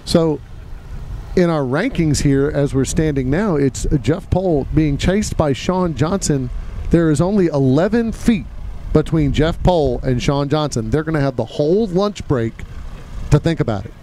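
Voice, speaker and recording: Male event announcer, slightly high voice, lively showman calls, faint outdoor engine hum behind. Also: unhurried. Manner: lively, showman-like crowd address. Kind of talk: live sports commentary.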